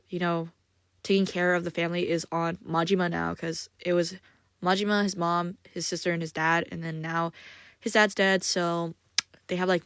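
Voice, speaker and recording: Low-ish woman's voice, casual solo podcast, lots of likes and ums, kinda apologetic, dry sound. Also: a bit bright, smooth, no room sound. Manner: rambling, filler-heavy, frequent "like" and "um"; self-conscious, apologetic asides. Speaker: solo podcast host reviewing manga. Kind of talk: casual unscripted monologue.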